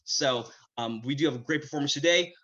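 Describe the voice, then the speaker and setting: A man's voice: on the high side, brisk, pushed and bright, lo-fi sound. A man hosting an online performance event, speaking loosely with lots of fillers. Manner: loose and chatty, many fillers. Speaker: host. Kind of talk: casual hosting. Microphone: video call.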